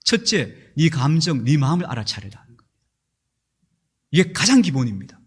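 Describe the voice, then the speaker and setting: A man's voice: on the high side, big pitch swings, a little fast, slightly rough. A middle-aged male pastor preaching a sermon in a church, telling stories and acting out angry outbursts.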